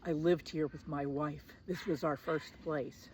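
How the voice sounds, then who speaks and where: A woman's voice: low-pitched, fairly even intonation, measured pace, noisy background, voice pushed down. A woman doing a weary, gloomy older man.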